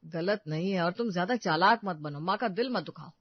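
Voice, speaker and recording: A woman's voice: fairly low pitch, a little fast, no echo, pitched below the performer's own voice, close to an everyday voice. A woman voicing a stern, old-fashioned father in a cartoon who dismisses his wife. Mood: dismissive. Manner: dismissive, lecturing. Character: stern traditional father, middle-aged man. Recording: dull dry recording.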